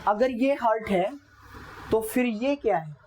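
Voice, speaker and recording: Woman teacher, classroom lecture, quizzes students and answers herself, reads example sentences slowly, faint background noise. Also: fairly high pitch, lively intonation, a little mellow, low-quality recording. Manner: asks the class questions and answers them herself.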